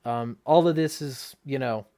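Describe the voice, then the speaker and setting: A man's voice: mid-range voice, a little slow, dark tone, smooth. A man hosting a ranting livestream, blunt and indignant with heavy swearing and a sarcastic edge. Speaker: livestream host. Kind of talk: ranting livestream talk, reading viewer comments.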